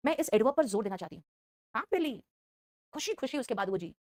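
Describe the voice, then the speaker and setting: A woman's voice: a little high, animated, darkish tone, no room sound. Indian woman teaching grammar, dry voice. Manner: explains step by step, repeats example sentences slowly, praises students by name. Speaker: English teacher. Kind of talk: online grammar lesson.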